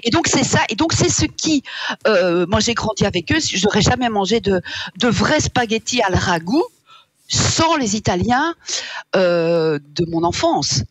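Hesitant woman, husky and dry. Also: medium pitch, very animated, unhurried, no echo. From Wallonia, Belgium. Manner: reflective, hesitant with many fillers. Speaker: author and guest. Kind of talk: radio interview.

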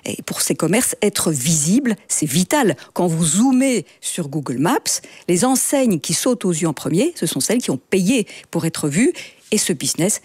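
A woman radio columnist, explaining a news topic in a clear commentary. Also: on the low side, a little mellow, no room sound.

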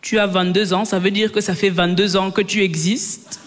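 A man's voice: high-pitched, level tone, moderate pace, a bit bright, pitched below the performer's own voice. A woman putting on a stern traditional father's voice, lecturing his daughter about marriage, on a stage. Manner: insistent, lecturing. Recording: roomy stage hall with crowd and noise.

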